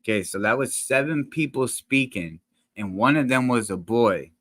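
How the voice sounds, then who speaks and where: A reaction channel host speaks at medium pitch and normal speed, expressive and fairly bright. He chats to viewers in a slangy, rambling way, restarting and filling pauses often, and his desk mic peaks at times.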